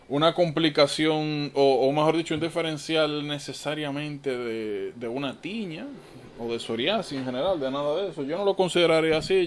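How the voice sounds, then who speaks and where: A man tutoring medical students in an online lecture, informal and thinking aloud, often correcting himself. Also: fairly high pitch.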